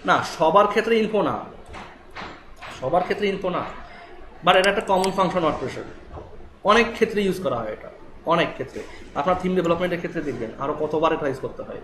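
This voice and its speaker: Fast-talking Bangladeshi Bengali man teaching. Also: fairly high pitch, animated, fairly bright tone, slight background noise. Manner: rapid, explanatory, asks students checking questions. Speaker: web development instructor. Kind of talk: live classroom coding lesson. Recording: echoey room with faint ambience.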